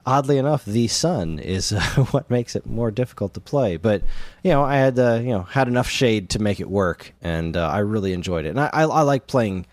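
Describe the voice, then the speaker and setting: Speaking fairly quickly with lively intonation, this podcast co-host has a lowish voice captured in a dry recording. He chats casually about video games, telling stories in a conversational way.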